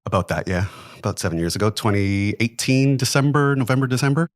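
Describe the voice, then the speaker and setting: A man's voice: mid-range voice, quick pace, no room sound. A young man, a podcast guest chatting casually and rambling with lots of fillers. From Canada. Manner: relaxed and rambling, lots of "like" and "kind of". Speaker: podcast guest, building engineer. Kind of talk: casual interview chat.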